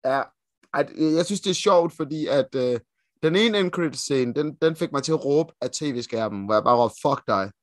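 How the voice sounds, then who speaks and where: A Danish man co-hosting a podcast in casual chat, excitable and swearing freely as he gushes about comic lore. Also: a little high, no room sound. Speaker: podcast co-host.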